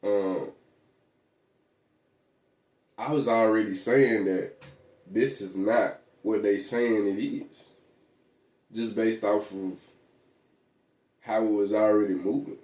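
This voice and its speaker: Low, dark-voiced man rambling in an echoey room. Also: fairly even intonation, slow, pauses often. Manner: rambling, slangy, many fillers and restarts. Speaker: vlogger. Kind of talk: casual monologue.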